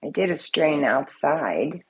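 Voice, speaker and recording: Low-pitched and animated, she takes it slowly over a noisy background. This soap-making vlogger has a slight cold and chats casually to camera at home with the living room showing, rambling and swearing freely.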